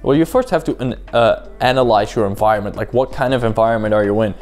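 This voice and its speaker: A man's voice: on the low side, fast, darkish tone, faint music behind. A man hosting a casual solo podcast, rambling with many fillers and asking the listener rhetorical questions, a little sleepy. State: sleepy, yawning at times. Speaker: podcast host.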